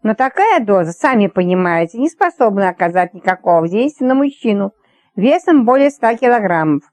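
A woman reads a first-person story with wry, brisk storytelling. Her voice is mellow and warm-toned, and the recording is dry and close with no room sound. She keeps an even, middle pitch. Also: no room sound. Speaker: audiobook narrator. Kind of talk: scripted first-person narration.

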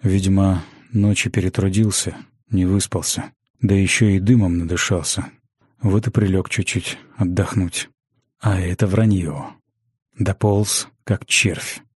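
A man narrating a fantasy audiobook in a measured, even storytelling manner on a close studio mic. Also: low-pitched, slightly rough, no room sound.

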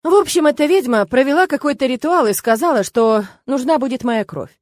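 A woman voicing a gruff, protective middle-aged father who grumbles scornfully in an audiobook. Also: sits high, expressive, a little fast, no room sound, studio quality, voice pushed up. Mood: earnest. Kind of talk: audiobook character voice.

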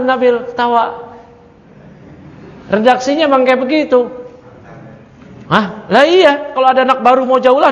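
A man teaching an Islamic study class, lecturing in an animated way and firing rhetorical questions at his listeners. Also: sits high. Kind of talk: study-circle lecture on a creed text. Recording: echoey hall, dull lo-fi sound.

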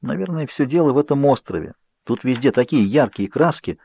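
A man's voice: medium pitch, lively intonation, a little fast, gravelly, dark tone, no room sound. A man voicing an emotional young woman in an audiobook, pleading and tearful. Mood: tender. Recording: dull, dry studio audio.

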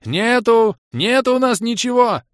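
A man voicing a greedy half-orc treasurer who roars and yells frantically in an audiobook. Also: very high-pitched, expressive, a little slow, no room sound, studio quality, voice pushed up. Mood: frantic yelling. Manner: roaring, yelling, frantic. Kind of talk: audiobook character voice.

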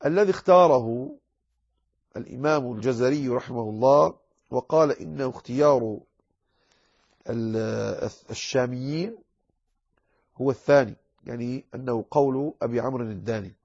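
A man teaching the rules of Quran recitation in an explanatory lecture, slowing down to recite examples with drawn-out words. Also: mid-range voice, creaky, a little mellow, husky, muffled recording.

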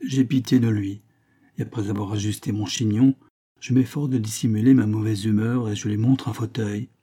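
A man's voice: fairly low pitch, steady tone, moderate pace, dark tone, husky. A man reading a novel aloud in first-person narration, raising his voice for the dialogue. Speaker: audiobook reader.

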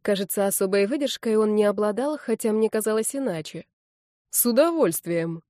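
A woman reading a first-person novel aloud in a lively, expressive way. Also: mid-range voice, fast, dry recording, clean studio sound. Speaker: audiobook narrator.

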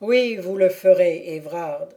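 A stern aristocratic count, an older father who reasons gravely and slowly, as a woman reader voices him. The tone sits low and mellow, unhurried, with a solemn, persuasive weight. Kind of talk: audiobook character reading.

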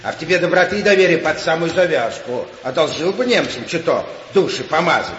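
A man's voice: a little high, lively intonation, a little fast, a bit bright. Blunt, suspicious soldier played by a man, echoey. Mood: indignant, defiant. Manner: colloquial, insistent, blunt. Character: gruff, suspicious, hard-hearted soldier, adult man. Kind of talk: stage war drama dialogue. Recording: dull echoey hall, faint ambient noise.

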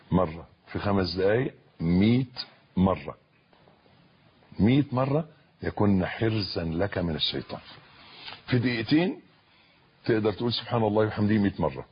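A man with an Egyptian accent delivers a sermon in a low, husky voice, repeating phrases and climbing to loud, emphatic peaks of passion. The recording is dull and lo-fi, with a rough, breathy edge to every word. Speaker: preacher. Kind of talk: Islamic sermon in colloquial Arabic.

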